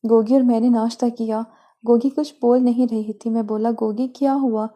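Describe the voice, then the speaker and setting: A woman narrating a first-person story at an even, unhurried pace and reading out the dialogue. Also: fairly high pitch.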